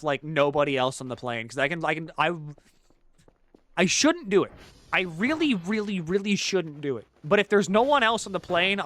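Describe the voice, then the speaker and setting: Guy with a cold streaming a game, kinda high voice, rambly and sweary, mumbles then gets loud for the bit. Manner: rambling, joking, swears often, swings from mumbling to loud bits. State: has a cold. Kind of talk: casual gaming stream chat.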